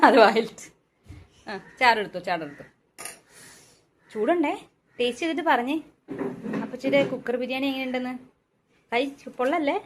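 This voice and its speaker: A woman's voice: sits high, lively intonation, moderate pace, pauses often, slight background noise. Playful woman coaxing a child in the kitchen. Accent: Kerala Malayalam. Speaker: home cook vlogger. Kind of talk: casual family cooking chat. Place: home kitchen.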